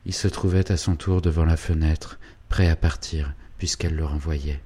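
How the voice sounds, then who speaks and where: Un narrateur de livre audio à la voix très grave, qui lit d'un ton mesuré et solennel. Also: male voice, extremely low pitch, steady tone, moderate pace, dark tone, husky. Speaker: audiobook reader. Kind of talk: scripted narration of a novel.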